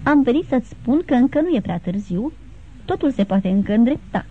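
A woman's voice: on the high side, lively intonation, a little hiss or hum, close to an everyday voice. A woman voicing an anxious, despairing young man in an audiobook, speaking in pleading tones. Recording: tinny phone-like sound.

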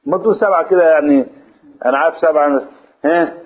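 A man with an Egyptian accent giving a religious lesson, stretching out recited verses slowly and then rushing through explanations. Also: on the high side, slightly rough, narrow, tinny audio. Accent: Egyptian Arabic. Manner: explanatory, slow drawn-out recitation then fast asides. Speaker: Quran tafsir teacher.

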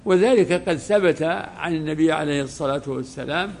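A man who is a religious scholar, giving a classroom lesson that explains a legal text, deliberate and repeating phrases as he explains. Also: a little high, a little mellow.

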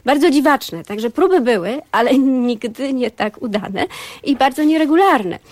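A woman's voice: high-pitched, animated, normal speed, darkish tone, no room sound. A woman speaking as a scholar guest in a radio studio discussion, precise and lecturing with brief hesitations.

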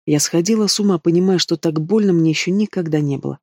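A man's voice: a little high, quick pace, mellow, no echo, clean studio sound. Man reading a fantasy audiobook. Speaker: audiobook reader. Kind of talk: first-person novel narration.

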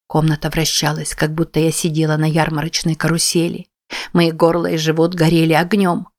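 A woman's voice: low voice, monotone, brisk, a little mellow. A woman narrating a tense first-person audiobook.

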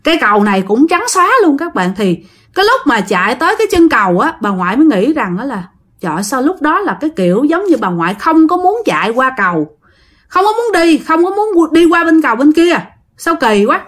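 A woman's voice: high-pitched, sing-song, a little fast, a bit bright. A woman telling a ghost story casually to her listeners, emphatic and repetitive.

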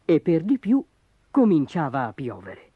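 A woman narrating a children's storybook in an expressive, dramatic way. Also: deep voice, measured pace, heavy background noise. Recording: dull lo-fi audio with music behind.

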